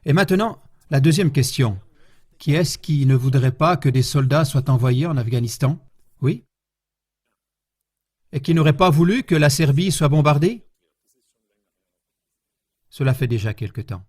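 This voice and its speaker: A man's voice: on the high side, animated, darkish tone. Man lecturing with rhetorical questions. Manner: measured, rhetorical questions to the audience. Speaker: historian giving a public lecture. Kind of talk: public lecture addressing an audience.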